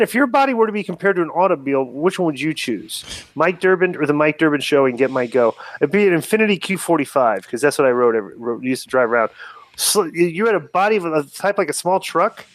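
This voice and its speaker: A man with a high voice hosts a podcast, reading listener emails aloud and adding wry comments. His voice sounds dry and close to the mic. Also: expressive, fast talker, no echo. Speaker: podcast host. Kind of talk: casual podcast chat.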